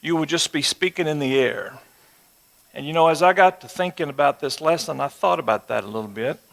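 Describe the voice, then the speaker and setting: Speaking a little fast with vocal fry, this slightly high, somewhat bright voice belongs to a West Texan man in his sixties. He delivers a folksy Bible lesson with rhetorical check-in questions to a live audience, amplified in a reverberant auditorium or large room.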